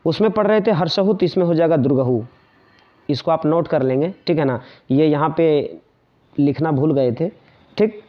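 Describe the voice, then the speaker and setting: A man's voice: a little high, normal speed. A male teacher explaining a grammar lesson, repeating points and often checking in with the students. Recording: dull lo-fi sound.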